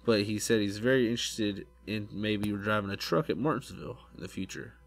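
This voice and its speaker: A man's voice: fairly low pitch, brisk. A man hosting a casual motorsport podcast, rambling and restarting his sentences often. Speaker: podcast host.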